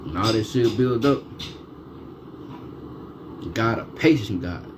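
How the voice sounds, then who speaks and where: A man's voice: lowish voice, takes it slowly. A man delivering a ranting monologue, swearing heavily and firing off repeated rhetorical questions. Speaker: vlogger. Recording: steady background noise.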